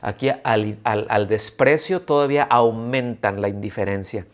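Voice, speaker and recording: A man's voice: fairly low pitch, moderate pace. A man preaching a sermon to his congregation at a church service. He often puts rhetorical questions to his listeners and acts out the grumbling voices of complainers. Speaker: pastor. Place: church service streamed on video call.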